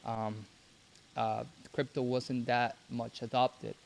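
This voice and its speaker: A young man from Cuba, raised in Mexico, speaking as a podcast guest in a halting way with many restarts. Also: medium pitch, little pitch movement, gravelly. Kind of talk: casual interview.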